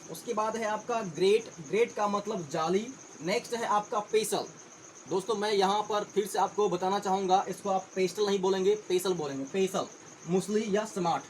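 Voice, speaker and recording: Man, high-pitched, teaching vocabulary to viewers, addressed as friends. He spells and repeats each word. Faint insect noise in the background. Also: poor audio. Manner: spells words out letter by letter and repeats them. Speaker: English teacher. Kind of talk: vocabulary lesson in Hindi.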